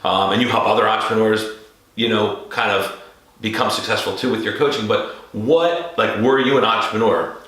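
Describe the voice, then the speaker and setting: Low-voiced host in a very echoey room. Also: male voice, normal speed, a bit bright. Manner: rambling, many fillers and restarts. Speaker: podcast host. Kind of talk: casual interview chat.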